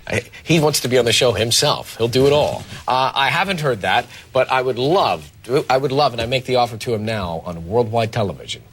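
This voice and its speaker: A man's voice: medium pitch, animated, a little fast, hardly any pauses, fairly bright tone, breathy edge. A man answering questions in a TV interview clip with breezy jokes. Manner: joking, breezy. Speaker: TV host as interview guest.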